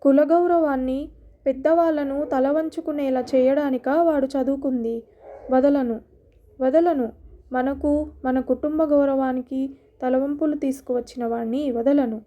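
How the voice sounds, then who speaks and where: A woman's voice: high voice, fairly even intonation, measured pace, dull audio. Woman voicing a furious proud village landlord. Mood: raging. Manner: furious, shouting threats. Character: proud angry middle-aged male village landlord.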